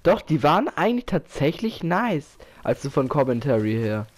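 Excitable German gamer guy. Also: a little high, moderate pace. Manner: excitable, keeps exclaiming and laughing. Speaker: gamer commentating his match. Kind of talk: casual gaming commentary.

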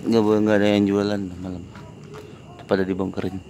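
A man with a gravelly, rough-edged voice talks softly to hungry stray cats, urging them again and again to come closer and eat. He speaks in short, repeated calls in a casual, coaxing way. The recording is noisy, with an outdoor market at night, meowing cats and passing vehicles behind him. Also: lowish voice, level tone, fairly quick. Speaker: vlogger feeding stray cats. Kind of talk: casual talk to animals.

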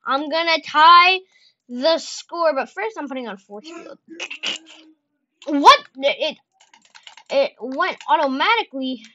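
A woman giving excitable casual commentary while playing a video game, talking to herself and yelling at the game, close to her microphone. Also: sits high, unhurried, long pauses, dull audio. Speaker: gameplay streamer. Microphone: close desk microphone.

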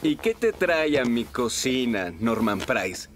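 A flustered cartoon fireman cook who scolds like an angry chef. His delivery is slow and very lively in pitch. Loud music plays behind him. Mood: scolding. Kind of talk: animated children's cartoon dub.

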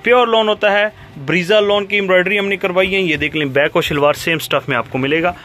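A man with a Pakistani accent giving an eager teleshopping sales pitch, repeating praise and prices as he presents stock. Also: fast, bright, forceful tone, slight background noise. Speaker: cloth shop seller presenting stock. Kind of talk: sales pitch for a product video. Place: fabric shop, indoors.

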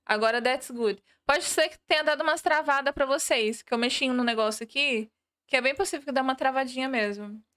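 Her high voice is clear and resonant with a fairly bright tone, captured in studio quality without echo. She's a young game streamer from Minas Gerais, Brazil, with the local Portuguese accent, chatting with viewers, reading their messages out loud, and dropping in English words.

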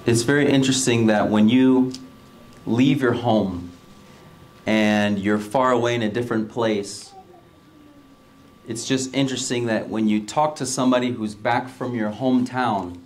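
Casting note: earnest male preacher from Wisconsin, mid-pitched, steady. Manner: earnest, measured, with repeated "Lord". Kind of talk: prayer and benediction.

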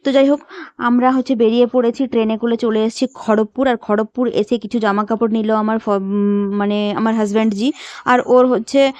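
A woman's voice: a little high, steady tone, brisk, a little mellow, no room sound. A young woman chatting in a casual vlog, talking straight to her viewers. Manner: chatty, emotional, upset in later parts. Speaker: vlogger.

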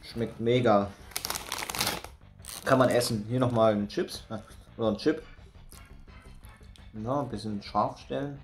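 A man's voice: medium pitch, measured pace, long pauses, soft background music. A young man crunching and munching chips in a casual tasting vlog, talking in short slangy, laid-back phrases with appreciative hums, indoors with a crinkling bag. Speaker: food review video host. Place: indoors in a room with bookshelves.

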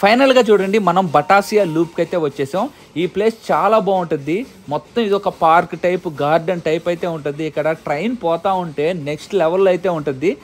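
A male travel vlogger from India talks fast and chatty, keeping viewers with him as he points things out. His voice sits high. It is recorded outdoors along a toy train journey. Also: faint music behind. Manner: chatty, guiding viewers with "look here". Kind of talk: casual travel vlog narration.

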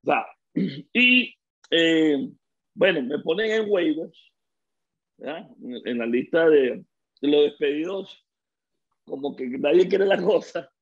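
A middle-aged Venezuelan man with a gravelly, somewhat husky voice pitched a little high. He talks like a guest telling stories in a casual interview and acts out the voices of the people he quotes. The recording sounds dull and lo-fi. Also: takes it slowly, long pauses. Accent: Venezuelan Spanish. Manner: lively storyteller who acts out quoted dialogue. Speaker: guest, former baseball player.

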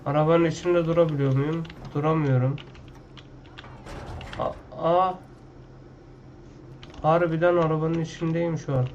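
A fairly high-voiced man commenting on his own gameplay in a loose, slangy way, talking to himself and to the characters on screen. His home mic sounds dull and lo-fi. Keyboard clatter and a faint hum sit behind him. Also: fairly even intonation, unhurried, pauses often, darkish tone. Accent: Turkish. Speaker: gaming YouTuber.

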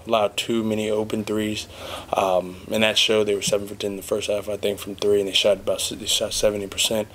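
A young man, a college basketball player, giving measured, steady answers at a postgame press conference, seated at a table mic. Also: fairly low pitch, a little hiss or hum. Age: young adult. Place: press conference room in front of a backdrop.

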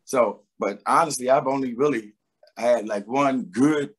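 A middle-aged singer from Philadelphia, appearing as a guest, speaks in a husky, medium-pitched voice during a casual video-call interview chat. He rambles in a relaxed manner, pausing, hesitating, filling and restarting a lot. His webcam picks him up in a home room, a door visible behind him.

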